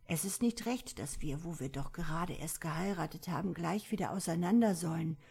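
A bold and cheerful young bride of the sun speaks in a storybook tale, as a woman reader puts her on. The voice sits low and a little husky. She talks with lively, laughing confidence. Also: moderate pace. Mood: determined.

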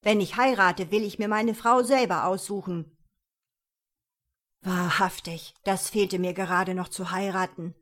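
A woman's voice: fairly low pitch, flat delivery, a little slow, hardly any pauses, a bit bright. A woman voicing a young, dreamy prince who resents becoming king. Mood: indignant. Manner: sulky, dramatic outbursts.

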